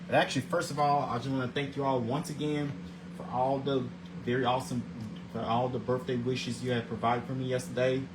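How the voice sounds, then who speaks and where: A man's voice: mid-range voice, flat delivery, brisk, noisy background. A man in his forties hosting his own daily video show, earnest and religious in his greetings, often repeating and restarting words as he reads. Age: 40s. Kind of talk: casual scripted vlog, reading segments aloud.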